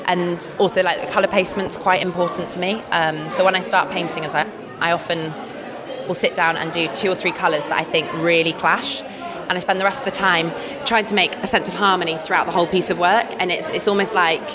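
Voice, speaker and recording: Speaking a little fast in a fairly low, fairly even voice, a woman artist with an English accent gives a chatty, upbeat interview about her work. She laughs a lot, and the busy art fair's crowd noise can be heard in the background.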